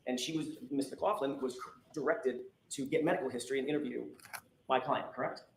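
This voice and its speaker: A defense attorney cross-examines a witness in court, pressing with pointed, insistent questions. His medium-pitched voice is steady in tone, a little fast, and creaky. The courtroom recording is echoey with faint noise.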